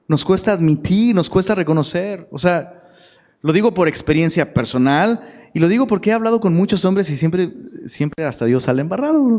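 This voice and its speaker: A man's voice: on the high side, a little mellow. A man preaching a casual sermon to a live audience as a youth pastor, slangy and chatty, often asking the crowd questions. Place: church hall. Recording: long hall reverb.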